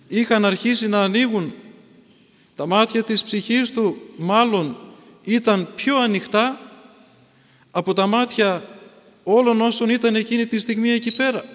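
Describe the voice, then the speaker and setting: High-voiced man preaching in a reverberant church. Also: a bit bright. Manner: repetitive, insistent oratory with building refrains. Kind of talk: sermon. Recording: long hall reverb.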